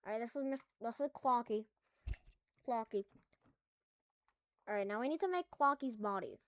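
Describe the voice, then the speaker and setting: A woman's voice: fairly high pitch, moderate pace. A woman at home making a casual coding tutorial, rambling through jokey asides as she works. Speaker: tutorial maker.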